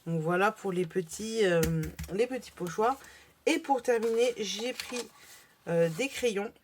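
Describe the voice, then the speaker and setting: A woman talks through her craft haul in a relaxed, chatty way. She pauses often to search for words and restarts her phrases, and her voice sits at an ordinary mid pitch. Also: a little hiss or hum. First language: French. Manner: chatty, hesitant with many fillers. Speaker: crafting vlogger. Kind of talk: casual haul video.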